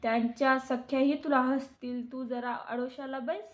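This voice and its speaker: A woman voicing a timid young palace maid who speaks quietly and cautiously. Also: high voice, fairly even intonation, normal speed, lightly acted. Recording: dull lo-fi recording.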